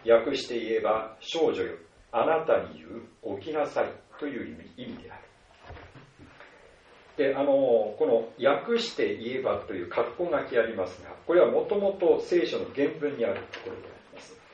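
A male pastor preaching a sermon at a measured pace, with many soft filler words between phrases. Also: mid-range voice, expressive, slight background noise. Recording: distant, roomy, dull lo-fi sound.

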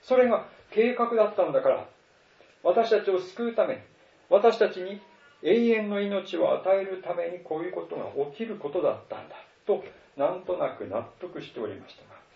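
A man preaching a sermon as a pastor, earnest and animated in his delivery. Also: high voice, normal speed, vocal fry. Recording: roomy, distant, dull sound.

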